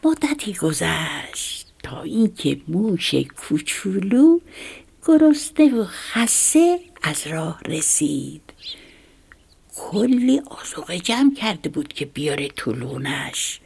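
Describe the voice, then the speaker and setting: Woman storyteller, low gravelly whisper, lively contour, whispered role-play fable reading. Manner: soft whispered bedtime-story narration.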